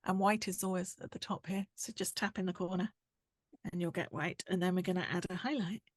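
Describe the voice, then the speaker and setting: A woman, explaining a drawing tutorial step by step while she works, her voice going hoarse. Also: lowish voice, fairly even intonation, a little fast, no echo, clean studio sound. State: losing her voice. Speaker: art tutor.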